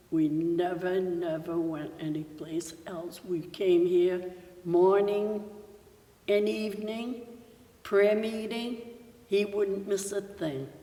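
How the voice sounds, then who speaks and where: Slow, halting older woman in echoey church. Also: on the low side, a little mellow. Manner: slow, halting storytelling with many pauses. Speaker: church member giving testimony. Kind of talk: personal testimony. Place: church sanctuary. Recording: echoey church hall from far off.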